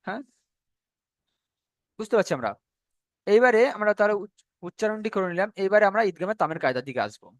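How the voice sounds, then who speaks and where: A man with a fairly high voice teaches Quran recitation, walking through each rule step by step. He draws out the recited words slowly so they can be copied. The sound is close and dry, with no room echo. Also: animated. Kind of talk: online tajweed lesson.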